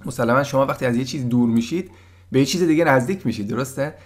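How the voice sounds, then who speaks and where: A man giving a casual German lesson, patiently explaining words and sounding them out slowly. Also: mid-range voice. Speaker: German language teacher.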